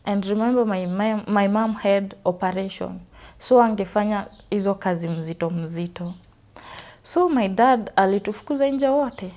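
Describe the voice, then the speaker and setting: Her tone is darkish, her pitch medium and her pace moderate. A woman in her twenties from Western Kenya, she earnestly tells her life story in an interview, shifting freely between English and Swahili.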